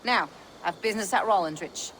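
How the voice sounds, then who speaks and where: In a video game cutscene, an actress voices a composed, wary village mother with local knowledge who speaks politely and cautiously. Her natural, medium-pitched voice is brisk, with a noisy background.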